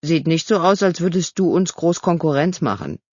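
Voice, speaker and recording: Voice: mid-range voice, lively intonation, normal speed, darkish tone, slightly rough, no room sound. A narrator voicing a poor, scruffy boy who scavenges bins and talks dryly, in a dull lo-fi recording.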